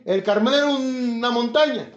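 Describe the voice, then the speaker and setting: A man with a Mexican accent preaches in a high voice, chatting and joking with his listeners. His voice bounces around an echoey room. The sound is a little dull. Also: normal speed. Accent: Mexican Spanish. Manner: chatty, jokes, asks the listeners questions. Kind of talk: informal Bible teaching to a congregation.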